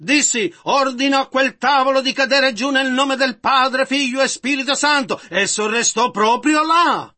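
Bright, very high-voiced sermon interpreter. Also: male voice. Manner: measured, echoing the preacher's phrases.

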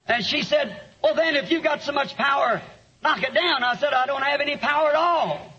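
A man, preaching a sermon with an interpreter and telling stories that rise to shouts. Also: very high voice, moderate pace. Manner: storytelling, rising to shouts. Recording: dull lo-fi sermon recording.

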